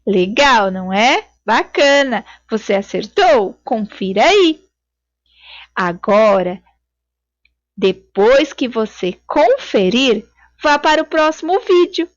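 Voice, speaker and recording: A woman teaches children in a recorded video lesson, her voice high and lively, her explaining slow and patient. The sound is dry and slightly dull, like a lo-fi home recording. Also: dry recording.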